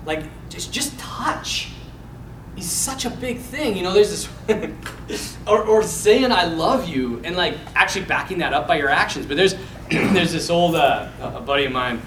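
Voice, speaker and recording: A man's voice: high voice, animated, measured pace, a bit bright. A man, a priest, giving an informal, sermon-like talk on parenting in a rambling, storytelling way, acting out the voices he quotes. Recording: echoey hall, distant mic, background noise.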